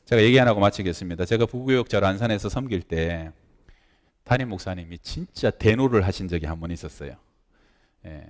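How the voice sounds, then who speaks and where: Male senior pastor, expressive storytelling preacher, church hall echo. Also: on the low side. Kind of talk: sermon. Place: church sanctuary. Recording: long hall reverb.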